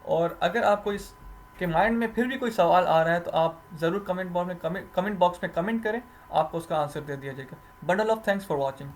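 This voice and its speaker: A man teaching English grammar, explaining slowly, repeating rules and answering his own questions. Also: high-pitched, slight background noise. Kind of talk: recorded grammar lecture.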